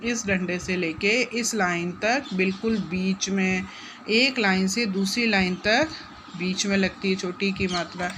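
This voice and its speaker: A woman teaching a phonics lesson to young children, gently repeating and drawing out syllables and asking the class questions. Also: medium pitch, noisy background. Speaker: primary school teacher.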